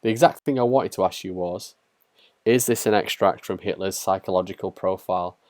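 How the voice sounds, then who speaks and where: A man co-hosting a podcast livestream, talking in a relaxed, rambling way with lots of fillers. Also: sits low, fairly quick, no room sound. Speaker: podcast co-host. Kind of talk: casual livestream chat.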